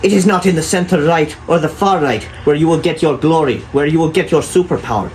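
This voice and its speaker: A man playing a loud, boastful nationalist politician in a comedy sketch. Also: on the high side, a little fast, slight background noise, lightly acted, poor audio. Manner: bombastic, boastful, shouting.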